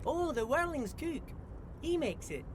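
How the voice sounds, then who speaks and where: Un vecchio tuttofare di porto, chiacchierone e ingenuo. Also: male voice, extremely high pitch, sing-song, measured pace, a little hiss or hum, full character voice. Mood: cheerful. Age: older. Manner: eager, rambling, folksy grammar. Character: kindly simple older male dock handyman. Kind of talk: video game voice acting.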